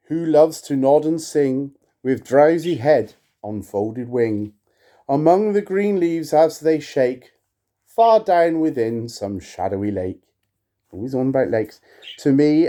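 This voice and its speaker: Slow, dramatic verse comes from a man whose voice is medium in pitch and dark in tone. He hosts his own video as a theatrical poetry reading, keeping the talk wry, playful, and self-mocking.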